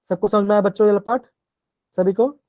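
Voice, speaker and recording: Man teaching class, mellow dry voice. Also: high-pitched, fairly even intonation, a little fast, no room sound. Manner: asks and repeats questions. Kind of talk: live online class.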